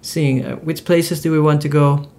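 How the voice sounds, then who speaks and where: A man co-hosting a podcast in casual chat, giving quick opinions and stammering as he starts sentences. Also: fairly high pitch, steady tone, creaky, a little mellow. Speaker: podcast co-host.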